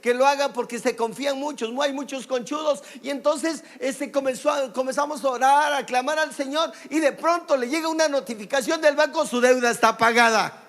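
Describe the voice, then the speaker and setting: High-voiced Mexican pastor preaching. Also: male voice, brisk, few pauses. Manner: emphatic preaching, calls for amen and applause; storytelling with many "este" fillers. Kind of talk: sermon. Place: church service.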